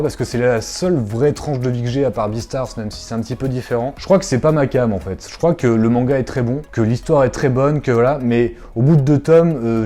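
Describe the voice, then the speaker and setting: A man with a mellow, warm tone talks straight to his viewers in a relaxed vlog review. He rambles a little, fills gaps with hesitations and keeps an easygoing, conversational flow. Soft music runs faintly behind him. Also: mid-range voice. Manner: chatty, digressive, frequent fillers; addresses viewers directly. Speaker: manga YouTuber.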